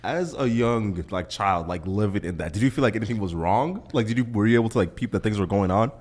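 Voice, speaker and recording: A man's voice: lowish voice, fast. Casual young man hosting a podcast. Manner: relaxed, talks with lots of likes and fillers. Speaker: podcast host. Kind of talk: casual interview chat.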